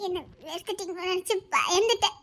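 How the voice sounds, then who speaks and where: This is a performer playing a timid, clingy young wife with a Tirunelveli Tamil accent. The voice sits extremely high and comes out soft and pleading. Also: fast talker. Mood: fearful.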